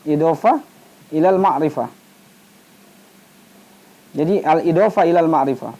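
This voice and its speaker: In a rough recording, a man on the high side of pitch speaks at a measured pace with a mellow tone. He's an Islamic studies teacher whose informal, didactic lesson poses questions before answering them, and he often repeats partial words to finish them.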